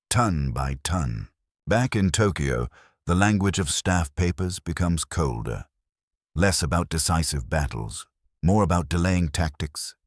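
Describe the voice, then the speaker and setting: Very deep-voiced man narrating a war documentary. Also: dry recording, studio quality. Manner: grave, measured storytelling.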